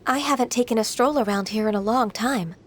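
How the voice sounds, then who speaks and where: A woman voicing a gentle, dutiful, reserved half-spirit maiden in a game, polite and soft-spoken. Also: fairly high pitch, brisk, a little hiss or hum, lightly acted.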